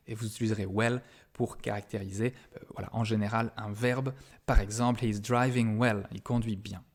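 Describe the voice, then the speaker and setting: Man explaining a grammar lesson. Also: on the low side. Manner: patient, explanatory, with frequent fillers. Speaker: university English grammar lecturer. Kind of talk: recorded grammar lesson for students.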